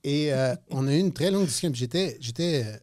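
This radio guest, an entrepreneur in his fifties with a Quebec French accent, talks a little fast in a slightly high, darkish voice with lively intonation. He tells casual stories, hesitating and repeating words along the way.

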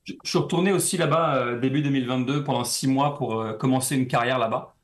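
Chatting casually in an interview, a young comedian from France speaks quickly in a mid-range voice. His French leans a bit Québécois, and he's animated, repeating words as his thoughts form.

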